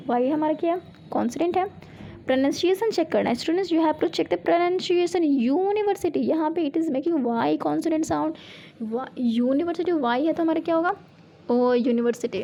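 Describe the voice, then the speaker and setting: A woman's voice: high-pitched, vocal fry, muffled recording, a little hiss or hum. A woman with an Indian accent, explaining a lesson to students and often asking the class questions. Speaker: teacher.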